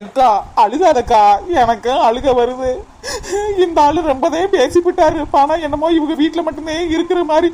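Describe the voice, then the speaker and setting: A woman puts on a comforting younger sister in a cartoon, her voice high yet soft and mellow. She soothes gently and sympathetically. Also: normal speed, slight background noise, lightly acted. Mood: consoling. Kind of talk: cartoon voice acting.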